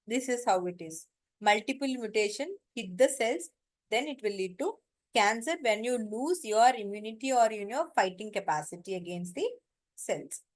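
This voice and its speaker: A woman's voice: on the high side, lively intonation, moderate pace. A woman with an Indian accent giving an informal lecture, explaining step by step and often checking that students follow.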